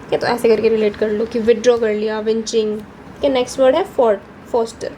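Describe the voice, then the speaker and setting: A woman's voice: on the high side, flat delivery, fairly quick, warm tone, slight background noise, low-quality recording. A young woman teaching exam vocabulary with mnemonic tricks, explaining patiently. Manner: explains patiently, repeats "ठीक है" between points.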